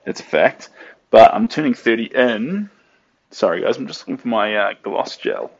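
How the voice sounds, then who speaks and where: Chatting casually with viewers during a painting live stream, this late-twenties New Zealander stays upbeat and talkative, now and then slipping into bits of song. His lowish voice is animated at a moderate pace, and the audio is dull.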